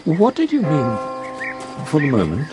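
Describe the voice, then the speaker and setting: A grieving young gentleman in a radio drama, formal and subdued. His pitch moves a lot as he speaks. Clear music plays behind him. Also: wildly swooping pitch, unhurried.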